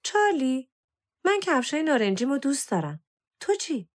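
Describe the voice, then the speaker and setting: A woman's voice: sits high, sing-song, voice pushed up. A woman reading a storybook voices a moody, self-conscious teenage girl who whines and pleads. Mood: sulky. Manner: whiny, pleading with her cat.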